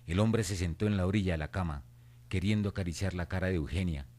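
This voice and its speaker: A man with a low voice serves as narrator of a radio horror drama. He reads the scripted story as third-person narration. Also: fast, darkish tone.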